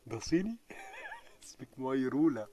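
A man's voice: medium pitch, moderate pace. A man with an Egyptian Arabic accent, hosting a casual live stream, reading out comments and joking with his viewers with lots of laughter. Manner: joking, animated, laughs often.

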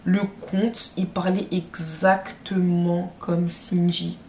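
A young woman retells a drama for her viewers, speaking directly to them in a slangy, animated, casual storytime. Her voice is lowish and slow, and the recording has a roomy echo plus a little hiss or hum.

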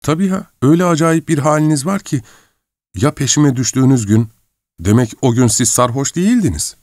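A man's voice: medium pitch, lively intonation, fairly quick, a little mellow, no echo, pitched above the performer's own voice, lightly acted. A man reading the part of a bashful young woman who protests and pleads in fright, in a dry, close recording. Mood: alarmed pleading.

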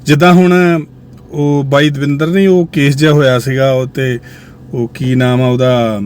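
A male host talking to viewers in a musing way, often sinking to a low quiet voice. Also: steady tone, moderate pace, a little hiss or hum. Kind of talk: reflective commentary to viewers.

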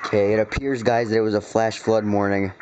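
A man with a fairly low, flat voice talks briskly and irritably to his viewers, swearing freely in casual, off-the-cuff commentary. A hobbyist recording weather radio alerts, he sits at a computer in a dark room, behind a handheld camera whose muffled, lo-fi audio picks up noise.

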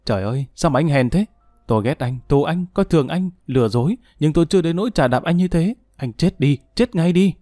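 A man's voice: medium pitch, quick pace, darkish tone, dry recording, studio quality, faint music behind, lightly acted. A man voicing a bitter young wife who speaks to her jailed husband in a scornful, cutting way. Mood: raging.

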